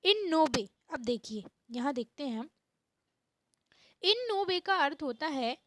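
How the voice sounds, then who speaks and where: A woman teaching an English grammar lesson, reading each English sentence slowly and repeating it. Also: sits high, animated, a bit bright, dry recording, low-quality recording.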